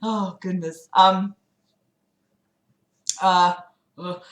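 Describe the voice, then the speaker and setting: Low-leaning and flat, this woman's voice drags out her words against a reverberant backdrop. She's a livestream host mocking a book as she reads it, talking to chat with sarcastic, weary asides and easygoing curses.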